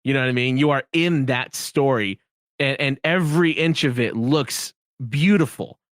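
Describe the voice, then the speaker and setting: A man's voice: medium pitch, moderate pace, a bit bright, dry recording, studio quality. A young man as a podcast guest, chatting animatedly and emphatically, laughing often. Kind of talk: casual podcast chat.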